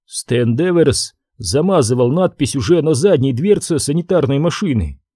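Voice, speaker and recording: A man reading a crime novel aloud as an audiobook, in a measured, expressive narration. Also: medium pitch, husky, no echo, studio quality. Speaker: audiobook reader. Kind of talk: scripted narration.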